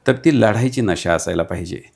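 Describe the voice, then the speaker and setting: A man's voice: fairly low pitch, animated, fairly quick, vocal fry, darkish tone, slightly rough. A middle-aged man, a poet and guest, reciting his poems with declamatory rhythm and repeated lines, then chatting. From Maharashtra. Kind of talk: poetry recitation and chat.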